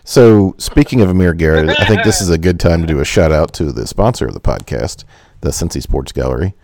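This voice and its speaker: Podcast host, male, very low gravelly voice, jokey and profane, dry close mic. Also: expressive, brisk, darkish tone, no room sound. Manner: joking, swears freely. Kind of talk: casual chat.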